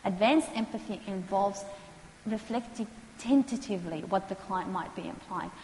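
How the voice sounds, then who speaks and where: Calm woman lecturing in an echoey room. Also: mid-range voice. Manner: calm, measured, acts out client quotes. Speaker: counselling lecturer. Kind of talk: explaining counselling skills to students. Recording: echoey hall, faint noise.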